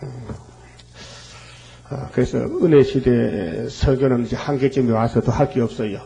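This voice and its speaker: A male pastor preaching a fervent sermon, asking rhetorical questions and filling pauses with hesitations. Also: mid-range voice, creaky, mellow, highs cut off.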